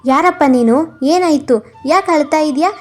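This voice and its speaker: A woman voicing a kind, childless man in a cartoon who gently coaxes a lost boy. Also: sits high, measured pace, faint music behind, pitched above the performer's own voice. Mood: gentle, concerned. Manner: gentle, coaxing.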